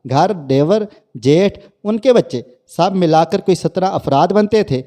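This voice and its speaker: A man narrating a scripted family story in a plain, steady way. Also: high-pitched.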